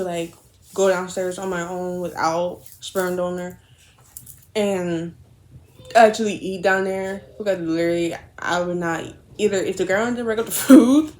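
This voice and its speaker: A woman's voice: lowish voice, darkish tone. A young woman vlogger chatting casually as she does her makeup, telling a long story full of fillers, quoted back-and-forth and blunt swearing. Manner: rambling, frequent fillers and quoted dialogue.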